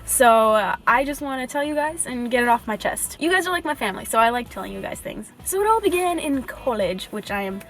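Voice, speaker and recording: A woman's voice: on the high side, animated, fairly quick, hardly any pauses, a bit bright. A young woman telling a personal story in a casual vlog, filmed close up on a camera in her parked car. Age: young adult. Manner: chatty and confiding, drops to a whisper when nervous. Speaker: vlogger. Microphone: camera mounted close in car.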